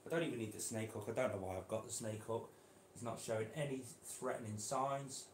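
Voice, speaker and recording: A man keeping reptiles, chatting casually to viewers while gently coaxing and handling a snake indoors. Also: mid-range voice, brisk, reverberant, a little hiss or hum. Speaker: reptile keeper vlogger. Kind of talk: casual vlog. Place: indoor room.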